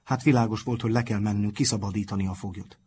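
A man's voice: on the low side, steady tone, dark tone, slight background noise, natural voice. A man reading aloud and voicing an earnest, bold teenage schoolboy who takes the lead. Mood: explaining. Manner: earnest, eager.

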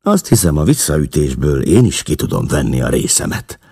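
A man's voice: extremely low pitch, big pitch swings, vocal fry, mellow, husky, exaggerated voice. McMurdo, a man doing a defiant young tough. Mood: calm. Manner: bold, challenging. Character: cool, defiant young male newcomer.

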